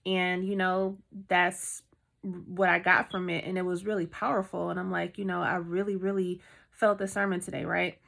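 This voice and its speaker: A woman's voice: on the low side, level tone, moderate pace, vocal fry, fairly bright tone. A woman vlogger telling a heartfelt story time in a chatty way, full of fillers.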